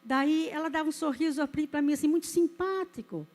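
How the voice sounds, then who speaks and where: A woman's voice: high-pitched, a little fast, darkish tone. A woman in her fifties with a Brazilian Portuguese accent, a pastor giving an earnest, emotional sermon with a personal testimony. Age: 50s. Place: church.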